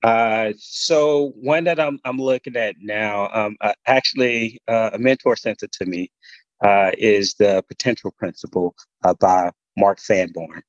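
Low-voiced Southern man, halting drawl. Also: dry recording, muffled recording. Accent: Southern US, Mississippi drawl. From Mississippi, USA. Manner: halting, many pauses and repeated words. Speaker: podcast guest, military senior leader. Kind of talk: casual interview conversation.

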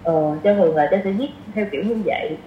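Fast-talking and fairly low-pitched, a twentysomething woman with a southern Vietnamese accent chats as a podcast guest. The casual interview is peppered with English slang and recorded in a roomy, dull way with faint noise.

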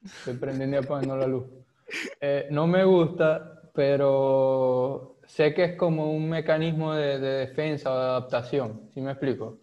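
Halting Maracaibo Venezuelan man, muffled. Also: mid-range voice, steady tone, mellow. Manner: thoughtful, halting, many restarts and fillers. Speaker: podcast guest. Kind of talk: casual chat.

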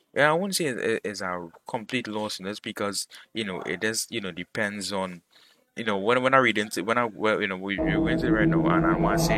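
A man's voice: sits low, pushed and bright, slight background noise. A man talking casually to his vlog audience, rambling with many fillers and slang. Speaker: vlogger.

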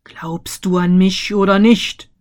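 A woman voicing the mournful ghost of a dead businessman, speaking solemn, slow warnings. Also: mid-range voice, flat delivery, a little mellow, lightly acted.

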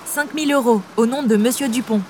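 A woman's voice: on the high side, a little fast, darkish tone, a little hiss or hum, natural voice. A woman voicing a bank customer in a scripted lesson dialogue, speaking politely and formally.

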